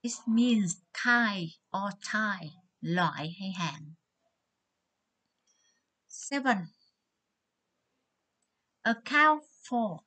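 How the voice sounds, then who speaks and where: Slow, careful Vietnamese woman teacher. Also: mid-range voice, lively intonation, bright, forceful tone. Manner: slow and careful, switching between English words and Vietnamese explanations. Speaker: English teacher. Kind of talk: online vocabulary lesson, reading words and example sentences. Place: Nha Trang school.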